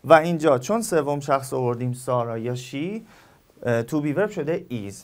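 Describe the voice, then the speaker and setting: A male English teacher with a Persian accent, a native Persian speaker, giving a recorded lesson and explaining slowly with repeated examples. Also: mid-range voice, lively intonation, a little mellow.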